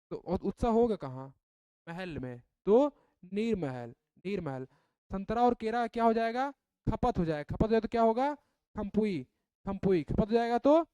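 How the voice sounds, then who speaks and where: High-voiced man drilling a class. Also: dark tone, clean tone, no room sound. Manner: repetitive, drilling call-and-response. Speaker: teacher. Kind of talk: classroom lesson with memory tricks.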